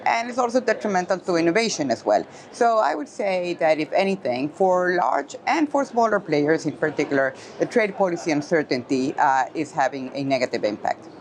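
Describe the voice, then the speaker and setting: A woman from Costa Rica, a trade policy expert, answering interview questions in a measured, explanatory way with frequent pauses. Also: lowish voice, big pitch swings, slight background noise. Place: trade symposium in New York.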